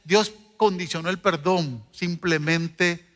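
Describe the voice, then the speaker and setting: A man's voice: sits high, slow, a bit bright. A middle-aged man preaching a sermon as pastor, telling stories and joking with his congregation. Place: church hall. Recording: long hall reverb.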